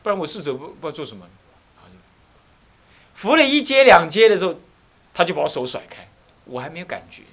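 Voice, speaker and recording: Middle-aged Taiwanese monk teacher, animated storyteller, bright voice, higher pitch. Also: male voice, brisk, long pauses. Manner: animated storytelling, acts out scolding voices, asks the listeners questions. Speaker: abbot and Buddhist teacher. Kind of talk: dharma talk with personal stories.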